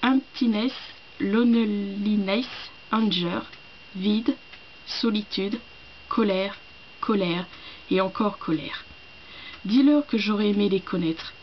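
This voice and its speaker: A grieving young man mourns his lover in slow, earnest words, as a woman reads his lines aloud. The voice sits at a middling pitch. The recording sounds slightly dull, with faint noise behind it. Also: close to an everyday voice. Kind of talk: reading a play passage aloud.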